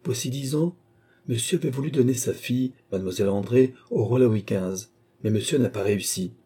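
A man voicing a composed, mysterious sorcerer count who delivers prophecies calmly. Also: medium pitch, brisk, breathy edge, lightly acted. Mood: knowing.

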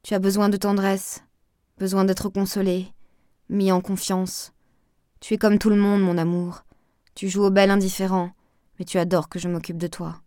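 Brief: woman narrator doing an intense, reproachful young woman in love, a touch higher and louder, dry close sound. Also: flat delivery, moderate pace, dry recording, lightly acted. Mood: clinging. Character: jealous young woman pleading with her lover.

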